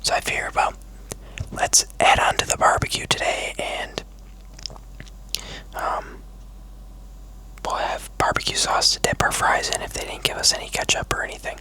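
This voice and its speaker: The voice is a steady whisper from start to finish, in the style of an ASMR food vlog. The host chats casually and takes their time, speaking close to the microphone. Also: poor audio. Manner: whispering throughout, unhurried, casual and chatty. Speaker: mukbang video host.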